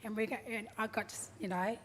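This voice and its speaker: High-voiced New woman sharing a eulogy. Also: fairly even intonation, fast talker. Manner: chatty, humorous storytelling, acts out quotes. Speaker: daughter giving a eulogy. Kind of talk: eulogy at a family service. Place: large hall at a memorial service. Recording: echoey hall, faint background noise.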